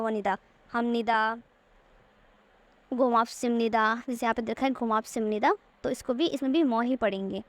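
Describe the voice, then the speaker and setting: High-voiced woman teaching, dry close mic. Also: no room sound. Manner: patient, repeats words slowly to model pronunciation. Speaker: Korean language teacher. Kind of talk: screen-share lesson explaining slides.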